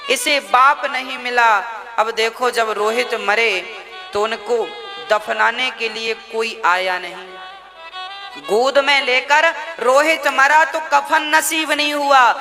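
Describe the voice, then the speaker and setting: A man preacher telling a devotional story in a sermon, with emphatic rhetorical repetition and dramatic pauses. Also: very high voice, fairly even intonation. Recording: long hall reverb, violin music behind.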